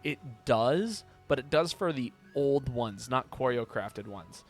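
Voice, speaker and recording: A man's voice: medium pitch, animated, takes it slowly, soft background music. A man streaming a video game, chatting casually and rambling as he thinks aloud. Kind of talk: casual live gaming commentary. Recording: clear background noise.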